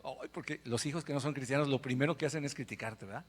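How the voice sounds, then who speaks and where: A male pastor preaching a lively sermon, swinging between loud exhortation and quiet storytelling. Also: mid-range voice, very fast, in a large hall. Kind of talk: lively sermon with acted-out anecdotes. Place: church sanctuary with a PA speaker.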